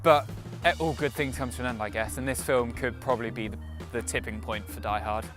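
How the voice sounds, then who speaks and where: A man's voice: medium pitch, fairly even intonation, brisk, over music. A young man giving casual, opinionated reviews to camera as a vlog co-host.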